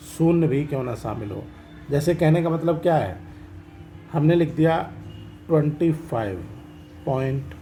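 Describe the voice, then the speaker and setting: A man's voice: a little high, mellow, slight background noise, poor audio. Man teaching maths step by step. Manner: explains step by step, asks checking questions. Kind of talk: classroom lesson explaining decimals.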